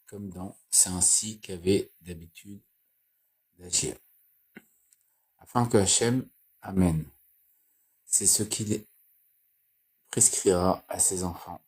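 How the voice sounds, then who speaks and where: A man reading and explaining Torah commentary in a slow, halting way, with restarts and repeated phrases. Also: sits low, a little mellow, slightly rough. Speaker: Torah teacher.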